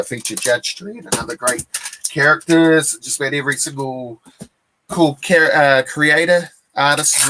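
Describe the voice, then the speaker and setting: A forties-aged New Zealander talks casually as a comic collector on a live stream, rambling along with lots of fillers and restarts. His voice is mid-range. The poor audio carries slight background noise.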